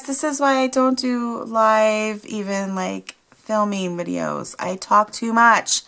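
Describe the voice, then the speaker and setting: A woman's voice: mid-range voice, creaky, fairly bright tone. A woman vlogging casually from her home craft desk, rambling and chatty, with a morning voice. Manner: rambling, chatty, laughs often. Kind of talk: casual chat.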